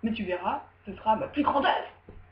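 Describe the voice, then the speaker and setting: A woman's voice: fairly high pitch, expressive, normal speed, slight background noise, lightly acted. Woman doing a proud architect father. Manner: casual and chatty. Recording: roomy, dull recording.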